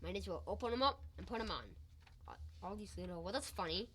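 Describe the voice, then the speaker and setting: A young actress in a school radio play voicing a boastful, excitable husband who bickers and brags loudly. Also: female voice, mid-range voice, a little hiss or hum, close to an everyday voice. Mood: puzzled. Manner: loud, exclamatory, quick to boast and bicker. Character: blustering boastful husband, excitable get-rich schemer. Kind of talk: old-time radio comedy acting.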